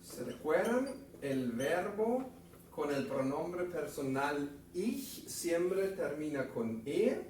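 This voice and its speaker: A man teaching a German class, saying example phrases slowly and clearly for students to repeat. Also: fairly high pitch, sing-song, darkish tone, far from the mic, a little hiss or hum. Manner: slow, deliberate enunciation of example phrases. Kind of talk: classroom lesson, drilling phrases aloud. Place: classroom with a whiteboard. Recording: echoey room, voice off-mic.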